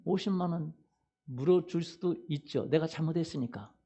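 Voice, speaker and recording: A man's voice: a little high, normal speed, warm tone, slightly rough. A male pastor giving a Sunday sermon, quizzing the congregation with fill-in questions and repeating "hallelujah" and "right?". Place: church sanctuary.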